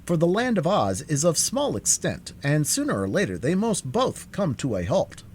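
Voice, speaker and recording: A man's voice: a little high, wildly swooping pitch, normal speed, a little hiss or hum, voice pushed up. A man voicing a bold, eager living scarecrow in an emphatic, determined way for a storybook.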